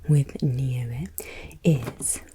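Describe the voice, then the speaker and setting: A woman whispering softly as she teaches a Spanish lesson, slowly repeating words for practice while she shapes putty. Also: very deep voice, steady tone, slight background noise. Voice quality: mostly whispering. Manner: shaping putty while talking. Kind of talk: whispered ASMR language lesson.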